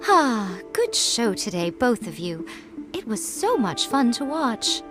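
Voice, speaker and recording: A woman's voice: fairly high pitch, very animated, slow, over music. A woman voicing a sly, refined head priestess in a video game, with a teasing, smug and elegant manner. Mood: amused, coaxing. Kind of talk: English game voice acting.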